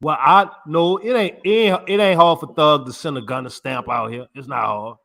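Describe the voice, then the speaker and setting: This podcast co-host talks at a normal speed, his fairly high-pitched voice carrying a fairly bright tone. He keeps the casual chat laid-back and full of slang.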